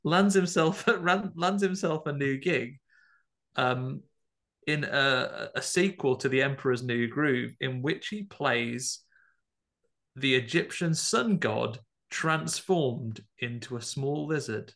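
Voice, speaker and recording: A man hosting a casual podcast, pausing often on ums and chuckling as he sets up his word puzzles. His middle-pitched voice carries a gravelly, creaky edge. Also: fairly bright tone. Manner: hesitant with many ums, chuckling. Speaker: podcast co-host.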